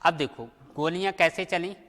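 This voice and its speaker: A man teaching a grammar lesson, who asks questions and answers them himself and slowly repeats the key words. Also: on the high side, fairly bright tone, big-room sound.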